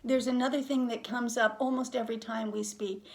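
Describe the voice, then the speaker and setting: Female interviewer, fairly high voice, candid and reflective, emphatic conversational delivery. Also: fairly even intonation, brisk, vocal fry. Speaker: interviewer and hospice patient.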